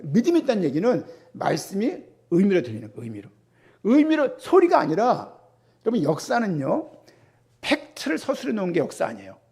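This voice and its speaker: A middle-aged man preaching a sermon as pastor, talking in an animated way and putting rhetorical questions to the congregation. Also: high voice, vocal fry.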